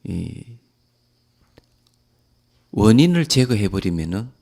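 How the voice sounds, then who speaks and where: A man, a Buddhist monk, giving a calm dharma lecture that often trails off softly at the ends of phrases. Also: on the low side, slow pace, vocal fry.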